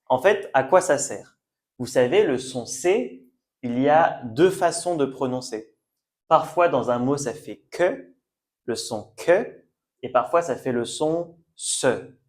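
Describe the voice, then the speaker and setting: A man teaching a French pronunciation lesson, slowly repeating each word for learners. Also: medium pitch, animated, a little mellow. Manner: slow, careful, repeats words for learners. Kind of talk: language lesson at a whiteboard.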